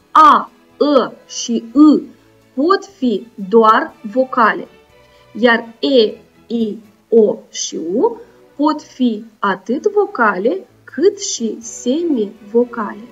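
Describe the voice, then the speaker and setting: A woman teacher giving a recorded school lesson, pronouncing sounds and syllables slowly and carefully. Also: high voice, slightly rough, recorded from a distance. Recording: dull lo-fi sound, voice set back, soft music. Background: soft background music.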